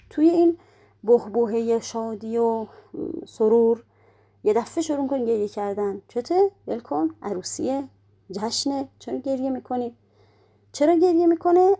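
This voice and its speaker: A woman's voice: a little high, gravelly, mellow. A woman giving a religious lecture, explaining step by step and posing rhetorical questions that she then answers herself. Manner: slows down to recite prayer quotations.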